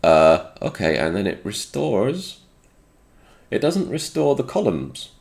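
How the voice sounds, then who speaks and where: Recovering from a cold, a retro game programming host speaks in a very creaky, low, slightly stuffed-up voice that is a little mellow. His pace is slow and his pitch swings widely as he muses aloud through an unscripted technical screen walkthrough.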